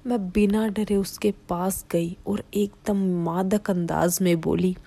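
Woman whispering a story, slow, dark gravelly voice. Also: lowish voice, fairly even intonation. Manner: hushed, breathy whisper.

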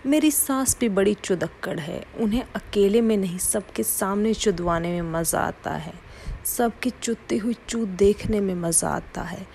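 A woman reading a first-person adult story aloud in a steady, plain storytelling way. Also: medium pitch, creaky, a little hiss or hum. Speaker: story narrator.

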